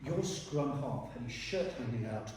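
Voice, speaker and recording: A man's voice: medium pitch, expressive, close to an everyday voice. A man putting on a very posh, pompous headmaster. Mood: pompous quizzing. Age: 60s. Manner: plummy, drawn-out, lecturing. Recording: echoey hall from far off, noisy.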